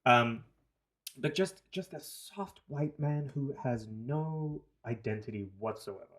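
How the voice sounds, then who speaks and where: A man's voice: mid-range voice, takes it slowly, a bit bright. A man from New Zealand with a New Zealand accent, co-hosting a casual podcast and jumping between topics with swearing. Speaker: podcast co-host. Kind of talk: casual chat.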